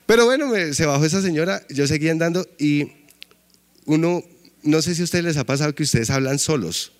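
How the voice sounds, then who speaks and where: A man's voice: on the high side, brisk, soft background music. A man with a Colombian accent, telling a comic story to an audience, acting out other voices and laughing often.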